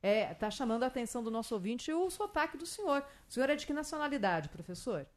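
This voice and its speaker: A woman's voice: on the high side, sing-song, fast. A woman with a Brazilian accent presenting live radio news as host, stressing and stretching key words.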